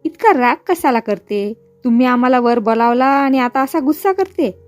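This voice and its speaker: A woman's voice: high-pitched, animated, normal speed, no echo, soft background music. A woman voicing a shameless middle-aged merchant man with a Gujarati accent and broken, wheedling speech.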